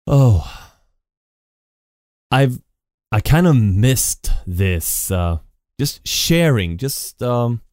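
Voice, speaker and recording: A man hosts his own podcast from a home computer setup, rambling off the cuff with lots of restarts and repeated "and." His medium-pitched voice swings widely in pitch and has a darkish tone, and he speaks extremely slowly with long pauses. The dry, clean studio recording comes from a decent podcast mic with effects.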